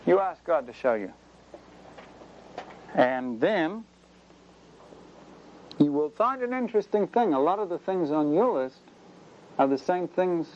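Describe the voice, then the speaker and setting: A man's voice: fairly high pitch, slight background noise, low-quality recording. A man preaching a sermon in an earnest, conversational way, now and then speeding up playfully.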